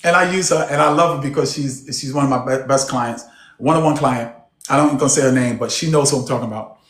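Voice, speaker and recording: A man coaching a group on a video call, preaching emphatically and swinging between loud and soft. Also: mid-range voice. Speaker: personal development coach. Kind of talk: motivational group coaching session. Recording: roomy echo on a call.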